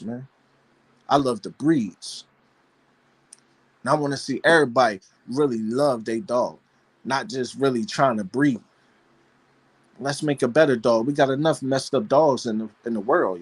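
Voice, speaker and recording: A man's voice: medium pitch, husky. A man hosting a live panel show as a dog breeder, talking in a fervent, preachy way, with rhetorical questions and repeated phrases. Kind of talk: casual passionate monologue.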